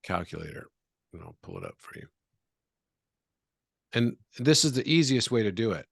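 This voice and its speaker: A man who is a guest in an interview, calmly explaining things and walking through examples step by step. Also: lowish voice, moderate pace, gravelly, slightly rough, dry recording, clean studio sound.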